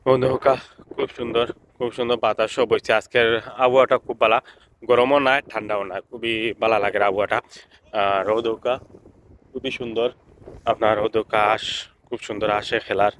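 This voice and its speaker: A man's voice: lowish voice, level tone, a little fast, background noise. A man from Sylhet with a Sylheti accent, chatting casually as he films a vlog outdoors by a lake, repeating himself and using many filler sounds. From Sylhet, Bangladesh. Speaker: vlogger.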